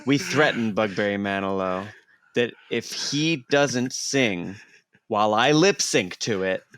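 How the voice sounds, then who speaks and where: A man's voice: fairly low pitch, animated, a little slow, a bit bright, no echo, poor audio. A man playing a tabletop game, laying out his plan in a matter-of-fact way. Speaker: player. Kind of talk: casual tabletop play.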